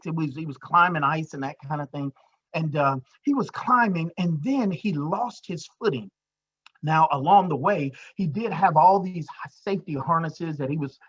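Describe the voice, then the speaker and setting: A man's voice: fairly high pitch, fairly bright tone, slightly rough. A man giving an emphatic motivational talk, repeating his points and using many fillers, in a dull lo-fi recording. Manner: emphatic and repetitive, with frequent fillers. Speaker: motivational speaker.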